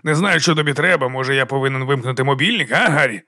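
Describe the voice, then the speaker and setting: A man doing a soft-spoken taunting killer. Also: medium pitch, expressive, fast talker, no echo, studio quality. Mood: quietly taunting. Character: calm menacing male killer on phone.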